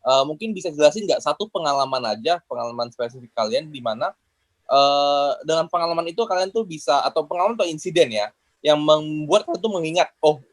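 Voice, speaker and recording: A man's voice: fairly high pitch, lively intonation, fast. A male podcast host moderates the talk, circling around his questions with lots of fillers. The sound is dry and close, with no room echo. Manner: rambling questions with many fillers. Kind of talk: moderating a discussion.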